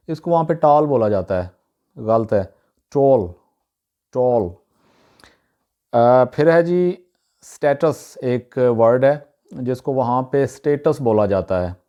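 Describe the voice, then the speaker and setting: A man teaches English pronunciation in a casual, unhurried way, repeating each word and pausing often on "uh." His mid-range voice sounds dark and relaxed. The recording is dull and muffled. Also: mid-range voice. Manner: explains word by word, repeats each pronunciation twice, frequent "uh" pauses. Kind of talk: casual spoken lesson to camera.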